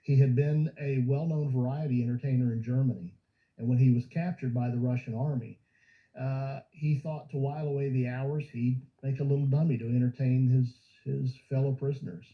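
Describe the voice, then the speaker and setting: A man's voice: mid-range voice, steady tone, moderate pace. A man speaking as a museum guide in an informal documentary interview, explaining and telling stories. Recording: muffled audio with music behind. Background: background music.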